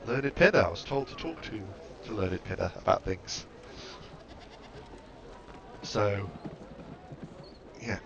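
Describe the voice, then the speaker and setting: Low gravelly guy doing a chill let's play, muffled mic with noise behind. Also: steady tone, slow pace, long pauses. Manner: musing, offhand, with fillers. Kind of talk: casual gameplay commentary, reading game text aloud.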